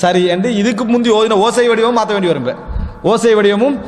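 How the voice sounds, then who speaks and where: A man delivers a religious lecture in a notably high voice. He keeps posing questions to the crowd and answering them himself. A long hall reverb trails each phrase. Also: brisk. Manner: addresses listeners as dear brothers. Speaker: Islamic preacher.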